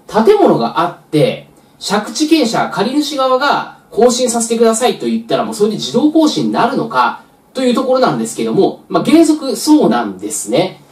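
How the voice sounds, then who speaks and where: Preparing students for a real estate exam, the tutor walks through the material patiently, one step at a time, with frequent "まあ" fillers. Here her darkish voice sounds mid-range, and the distant mic picks up a roomy echo.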